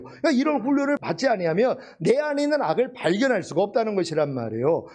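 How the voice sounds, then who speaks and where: A man preaching with a high, bright pitch that leaps up and down with animation. He drives his points home emphatically, asking his congregation question after question. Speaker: pastor. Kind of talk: sermon.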